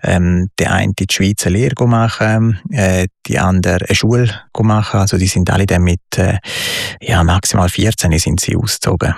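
Swiss German man, low gravelly voice, dry close sound, hesitant interview guest. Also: fairly even intonation, moderate pace, dry recording. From Switzerland and southern Italy. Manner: hesitant, many fillers and restarts, reflective. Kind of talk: conversational interview.

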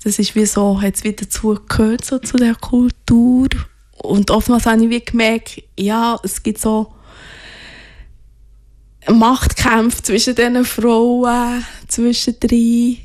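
Soft-spoken woman. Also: fairly high pitch, flat delivery, slow pace. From Ghana. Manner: soft-spoken, hesitant, searching for words. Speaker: interview guest. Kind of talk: reflective personal interview.

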